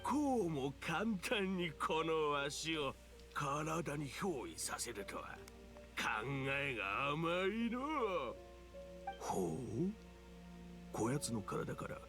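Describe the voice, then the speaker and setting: An ancient fox spirit as a gloating game villain, drawing words out with theatrical menace. The voice swoops widely in old-fashioned elderly phrasing, with faint music behind it. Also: male voice, fairly high pitch, sing-song, takes it slowly, full character voice. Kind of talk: video game voice acting.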